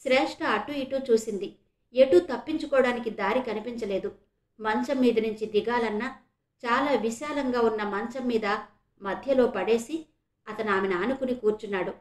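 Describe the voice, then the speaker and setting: A woman from Visakhapatnam, India, reading a serial novel aloud in a steady, expressive way. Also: on the high side, normal speed, reverberant. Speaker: audiobook narrator.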